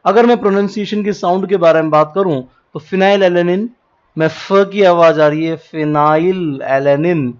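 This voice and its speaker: A male teacher with a North Indian accent lectures in a high voice, a little fast and with few pauses. He mixes in English terms and spells out letters one at a time. The recording is dull and lo-fi.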